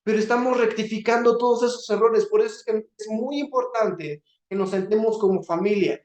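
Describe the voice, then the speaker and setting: Earnest guy preaching, pleading and going soft for emphasis, roomy echo. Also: sits high, a little fast. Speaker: Bible teacher. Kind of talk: sermon on a Torah portion.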